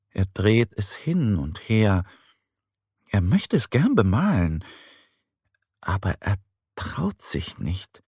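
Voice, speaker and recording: A man reads a bedtime-style children's story slowly and gently, with a husky voice. His pitch moves a lot as he acts out the scenes, and the recording is dry and close. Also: dry recording. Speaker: narrator. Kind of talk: children's audio story reading.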